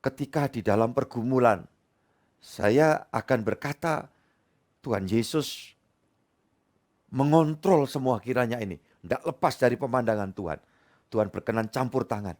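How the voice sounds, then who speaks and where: A man preaching a Bible study sermon to a church congregation, emphatic and humorous, swinging between soft asides and loud climaxes. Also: medium pitch, normal speed, long pauses. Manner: humorous, addresses the congregation directly. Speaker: pastor. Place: church service.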